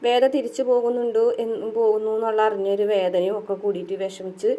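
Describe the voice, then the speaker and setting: A woman's voice: medium pitch, level tone, fast talker, mellow. A woman casually retelling a TV serial episode, chatty and full of fillers and tag words. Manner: chatty, tags sentences with "ട്ടോ", many fillers.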